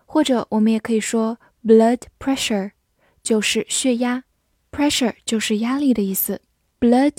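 Slow, careful woman teaching English words. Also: fairly high pitch, a little mellow, dry recording, studio quality. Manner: slow, careful, spells words and repeats them. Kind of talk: vocabulary lesson.

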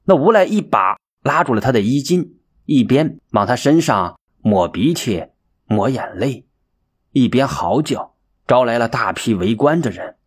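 A male storyteller narrates a folk tale with dramatic expression and a lively, wide-ranging voice. His tone is husky and breathy at a middle pitch. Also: a little slow. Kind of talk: audiobook storytelling.

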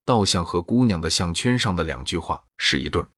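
A man reading the lines of a cheerful young maid in his own low voice. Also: expressive, fairly quick, fairly bright tone, breathy edge, no room sound, clean studio sound, heavily acted. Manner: read in the narrator's own voice.

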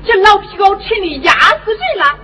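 A wheedling, scheming daughter-in-law. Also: female voice, very high-pitched, lively intonation, normal speed, bright, forceful tone, full character voice. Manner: wheedling, exaggerated. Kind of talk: Henan opera stage acting.

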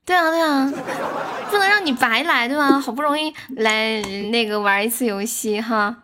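A woman hosting a livestream voice chat game, lively and teasing. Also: on the high side, normal speed, crowd noise, background noise. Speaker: livestream host.

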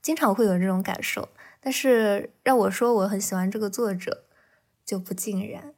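A woman's voice: medium pitch, moderate pace, darkish tone. A woman novelist talking candidly and reflectively in a casual podcast conversation, with a laugh here and there between thoughts. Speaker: novelist guest.

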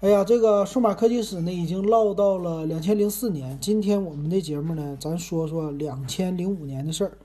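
A podcast host with a Northeastern Mandarin accent talks in a loose, meandering way and pokes fun at himself. His voice is soft and dark in tone, with a slightly husky grain. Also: sits high, a little fast, hardly any pauses. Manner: chatty, rambling, self-deprecating. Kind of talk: casual monologue.

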